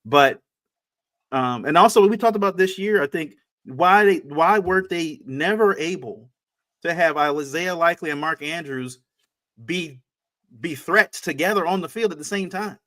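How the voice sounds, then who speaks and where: A man's voice: on the high side, normal speed, a bit bright. A man co-hosting a sports podcast, talking casually and emphatically, often repeating his points and restarting sentences.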